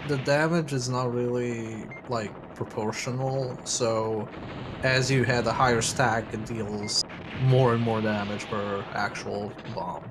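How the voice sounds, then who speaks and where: A man's voice: mid-range voice, fairly even intonation, takes it slowly. A man chatting casually as co-commentator on a game stream, explaining how the game works. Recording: clear noise of game audio behind. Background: video game sounds.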